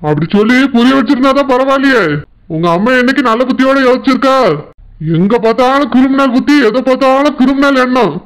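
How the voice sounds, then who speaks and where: A man's voice: very high-pitched, fast, clear, resonant tone, rough recording. A man voicing a stern, angry middle-aged village father who lectures indignantly with a Tirunelveli Tamil accent. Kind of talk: cartoon voice acting.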